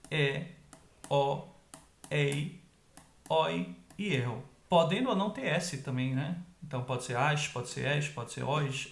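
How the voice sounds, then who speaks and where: Lively man teaching a grammar lesson. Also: on the high side, creaky, echoey room. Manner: lively, explaining step by step with tag questions.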